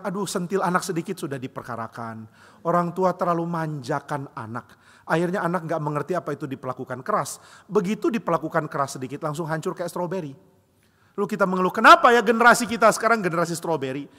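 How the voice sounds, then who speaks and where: A male pastor delivers a lively sermon full of jokes and little acted-out scenes. His voice is bright and sits a bit high. It carries with a long reverb through a church hall. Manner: animated, acts out quoted voices, jokes. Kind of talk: sermon with humorous storytelling.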